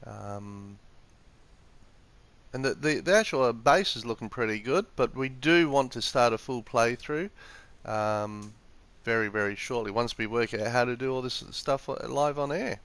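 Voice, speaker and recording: An unhurried man with a medium-pitched, fairly bright voice speaks with no echo. He's live-streaming a game while fighting the flu, his nose congested, and he talks casually and hesitantly on a PS4 headset microphone, explaining as he goes. He's in a room adjoining an office, with the windows open.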